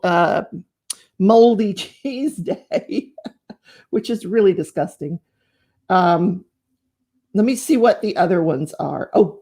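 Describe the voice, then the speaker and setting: A woman's voice: medium pitch, warm tone. A woman hosting a casual morning live stream, chatting and laughing as she greets viewers by name. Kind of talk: casual live chat reading comments.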